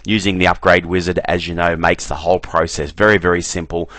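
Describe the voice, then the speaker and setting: A man giving a relaxed screen-recorded software walkthrough, often repeating "very, very" as he clicks through menus. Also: deep voice, brisk, dry recording. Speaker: software trainer.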